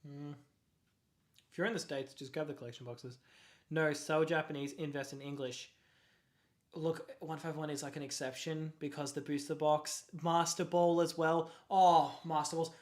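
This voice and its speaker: A young adult with an Australian accent chatting casually on a livestream. They ramble excitably, laugh often and keep apologizing. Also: medium pitch, normal speed. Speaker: card-collecting livestreamer.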